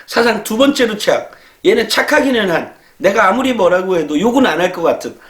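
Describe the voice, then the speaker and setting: A man speaks in a casual storytelling monologue, his voice swinging widely in pitch and sitting a bit high. He acts out scolding students and laughs between lines. The sound carries a noticeable room echo. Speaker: education lecturer.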